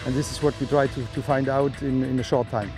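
A man's voice: medium pitch, flat delivery, fairly quick, music in the background. A man chatting casually in somewhat broken English. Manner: broken English, laughs easily. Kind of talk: casual chat.

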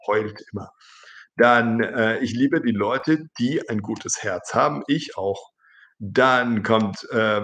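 Gravelly male German teacher. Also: mid-range voice, fairly bright tone. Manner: reads out chat messages and corrects them, often laughing. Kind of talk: live-stream lesson reading viewer comments.

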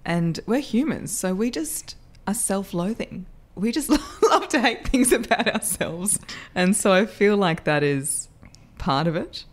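Lively laughing woman voice coach. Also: medium pitch, unhurried. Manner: lively, laughs often, self-deprecating. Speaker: voice coach guest. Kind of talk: podcast interview.

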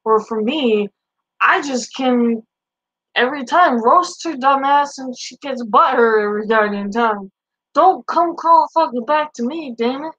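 With a high-pitched, a bit bright voice and a measured pace, this woman in her twenties talks trash to her chat in a Boston accent, brash and full of profanity. She's on a headset mic in a small bedroom, recorded dry, with dull lo-fi stream audio.

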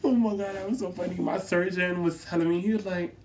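Low-voiced woman in a chatty vlog. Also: a little fast, vocal fry, a little hiss or hum. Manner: chatty, animated, laughs often and swears freely. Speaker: vlogger. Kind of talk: casual recovery vlog.

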